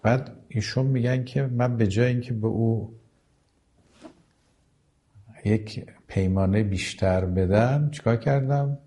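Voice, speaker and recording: A man giving a religious lecture who recites Arabic passages slowly and then explains them in plain everyday speech. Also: mid-range voice, mellow. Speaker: preacher.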